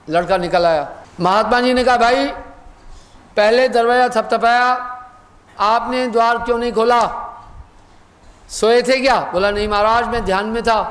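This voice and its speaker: Male spiritual teacher, very high voice, storytelling sermon, long hall reverb. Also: a bit bright. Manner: storytelling, acts out dialogue, slow recited verse. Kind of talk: sermon with a told parable.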